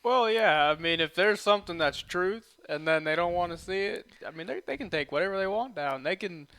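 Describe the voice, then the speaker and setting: A man on a casual podcast panel who jumps in with quick agreements and short remarks. His voice is high and bright, with a smooth, clean tone. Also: expressive. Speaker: podcast co-host. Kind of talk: casual political discussion.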